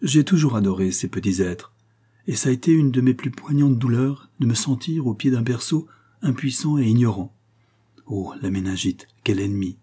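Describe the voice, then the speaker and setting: A man reading a nineteenth-century first-person story aloud in a measured, even way. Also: medium pitch, slightly rough. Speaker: audiobook narrator. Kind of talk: first-person literary narration.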